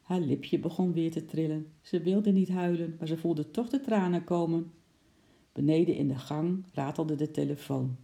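A storyteller reading a children's story aloud in a calm, even manner. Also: medium pitch, moderate pace, creaky.

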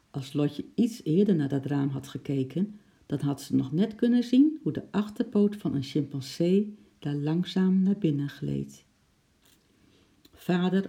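A narrator reading a children's storybook aloud in a steady, expressive way. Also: medium pitch, vocal fry.

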